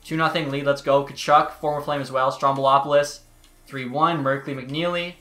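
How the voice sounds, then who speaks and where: A man's voice: medium pitch, steady tone, moderate pace, pushed and bright, soft background music. A man giving casual gameplay commentary as a YouTuber, chatty with exasperated outbursts. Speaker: gaming YouTuber. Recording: roomy echo.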